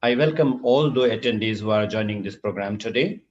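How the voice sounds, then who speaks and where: A man's voice: fairly low pitch, a little fast. A middle-aged man from Assam gives a formal university lecture as a surgeon, hesitant, with many filler sounds and restarts, captured in a screen recording of an online session. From Assam, India. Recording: dull lo-fi online call audio.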